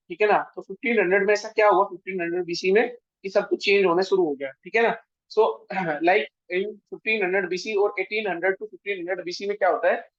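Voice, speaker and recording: A man with an Indian accent giving a history lecture for exam prep, switching between Hindi and English and often checking in with his students. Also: high-pitched. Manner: mixes Hindi and English, checks in with frequent tag questions. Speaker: history teacher. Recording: dull, dry lo-fi sound.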